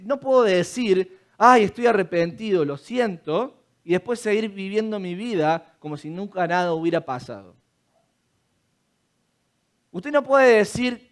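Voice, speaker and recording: A pastor giving a sermon, a man who preaches emphatically with rhetorical questions and acted-out quotes. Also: high voice. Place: church.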